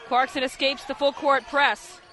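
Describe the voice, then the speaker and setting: On live sports radio, a man calls a basketball game play by play in clipped, vivid descriptive bursts. His very high-pitched voice is bright and forceful, though flat in delivery and measured in pace. Gym noise and the bounce of the ball fill the broadcast.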